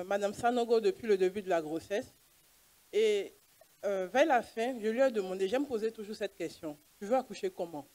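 A woman's voice: mid-range voice, darkish tone. A woman doctor gives her testimony at church. She tells it earnestly and voices each exchange as she goes. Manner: earnest storytelling, plays out dialogue.

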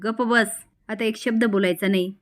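A woman voicing a stern elder brother who commands his sister to be quiet. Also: mid-range voice, steady tone, moderate pace, natural voice.

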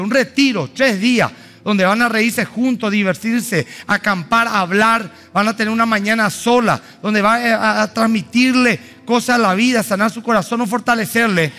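A man preaching a sermon as pastor, animated and rising into exhortation. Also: high-pitched. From Paraguay.

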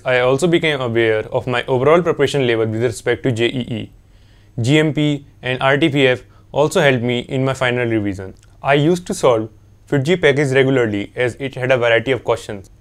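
A young adult man speaks with an Indian accent at a medium pitch. He sounds like a student reciting a prepared testimonial, with formal, carefully worded sentences. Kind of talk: rehearsed testimonial to camera. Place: small indoor office with wood panelling.

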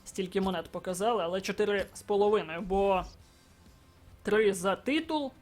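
A man commentating his own football video game match, getting excited and shouting at goals and chances. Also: sits high, moderate pace, soft background music. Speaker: gaming YouTuber.

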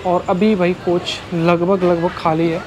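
Chatty young man vlogging at a loud station. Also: sits high, flat delivery, a little slow. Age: 20s. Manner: chatty, keeps calling viewers "bhai". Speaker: travel vlogger. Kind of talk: casual travel vlog narration. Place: busy railway station platform and food court, indoors and out. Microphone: clip-on lapel mic and handheld camera. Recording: loud station noise behind.

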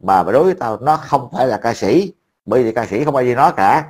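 A man's voice: medium pitch, expressive, fairly quick, a little mellow. A man, talking casually to a friend as an online commentator, blunt, profane and mocking.

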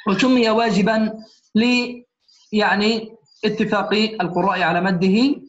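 A man's voice: high voice, slow pace, pauses often, fairly bright tone. A man teaching a recitation class, patiently explaining and often checking that his students follow. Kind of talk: classroom lecture. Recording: echoey room, muffled lo-fi sound.

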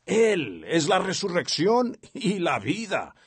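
Brief: man interpreter for a sermon dub, husky, earnest, lively intonation; dry studio voice-over. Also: sits high, slow pace, no room sound. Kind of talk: dubbed sermon translation.

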